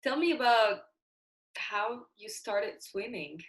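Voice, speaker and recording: A woman's voice: fairly high pitch, expressive, slow, fairly bright tone. A woman hosting an interview show, introducing her guest and asking upbeat questions. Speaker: podcast host.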